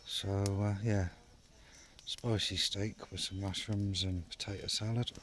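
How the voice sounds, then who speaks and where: A man's voice: on the low side, fairly even intonation, unhurried, a bit bright, a little hiss or hum. A man vlogging from his hammock at a night camp, chatting casually with lots of fillers and banter. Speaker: bushcraft vlogger. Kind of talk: casual outdoor vlog chat.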